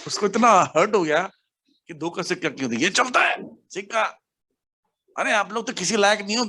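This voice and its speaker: A man from India giving a devotional class, telling stories animatedly and mixing English words into his speech. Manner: animated storytelling, acts out quotes with sharp pitch jumps. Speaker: preacher.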